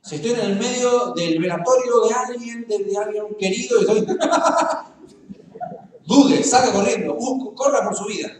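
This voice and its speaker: A man's voice: very high-pitched, unhurried, distant mic, slight background noise. A man with a Rioplatense Argentine accent preaching a sermon, joking and talking straight to the congregation. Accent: Rioplatense Spanish. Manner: humorous, conversational, addresses the congregation directly. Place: church hall. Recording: very echoey church, voice from afar.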